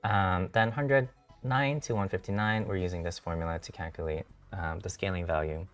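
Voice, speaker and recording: Low-voiced man walking through code. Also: fairly even intonation, distant mic, soft background music. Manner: halting, many ums and self-corrections. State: losing his voice a little. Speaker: software engineer hosting a dev stream. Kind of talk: live-coding tutorial walkthrough.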